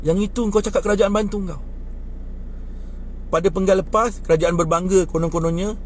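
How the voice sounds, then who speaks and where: A little fast and over faint background noise, a Malaysian Malay-accented man in his twenties talks politics indignantly in casual street chat by a bus stop, speaking to those nearby. Short on sleep, he gets animated, his pitch rising when worked up.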